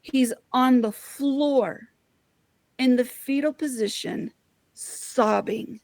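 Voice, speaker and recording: A woman's voice: high voice, takes it slowly, darkish tone, no echo. A woman hosting a reflective spiritual talk, speaking in an earnest, heartfelt way and addressing listeners as her friends.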